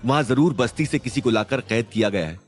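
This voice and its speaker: A man's voice: medium pitch, lively intonation, fairly quick, natural voice. A man voicing an impulsive young man in an audio drama, speaking in an agitated, eager way. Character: impulsive young man, loyal to his people.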